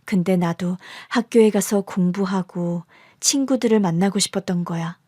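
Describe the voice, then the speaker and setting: A woman voicing a middle-aged birth mother who softly confides the story of her hard past. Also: lowish voice, normal speed, no room sound, clean studio sound, natural voice. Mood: confiding.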